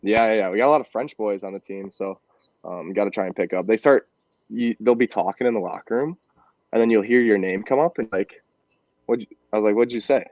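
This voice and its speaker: A man's voice: fairly low pitch, a little fast, dry recording. A young man from Michigan, a college hockey player, chatting as a podcast guest in an easygoing, laid-back way. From Grand Rapids, Michigan. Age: young adult. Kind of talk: casual podcast interview. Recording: dry, dull lo-fi remote audio.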